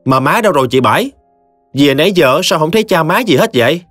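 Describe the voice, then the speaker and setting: A man's voice: on the high side, very animated, a little fast, no room sound, clean studio sound, faint music behind, voice pushed up. Man doing a defiant sulky young bride. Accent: Southern Vietnamese. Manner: whiny, defiant. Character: sulky sharp-tongued young bride, woman.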